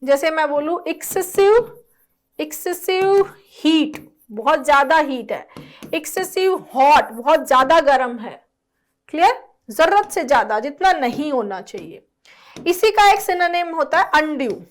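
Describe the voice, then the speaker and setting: A woman teaching vocabulary in an exam-prep lesson. She explains slowly in Hindi mixed with definitions spoken, and she often checks in with "clear?" and "right?". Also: sits high, lively intonation.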